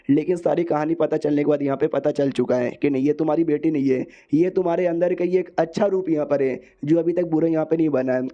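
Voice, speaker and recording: An earnest young male hero from a manga recap, as a narrator puts him on. He reasons calmly in a slightly high, very mellow voice. The recording sounds dull and lo-fi. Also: natural voice.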